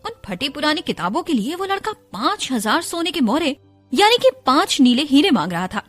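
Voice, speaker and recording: A woman radio jockey narrating an audiobook series in an expressive storytelling style. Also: high-pitched, moderate pace, faint music behind.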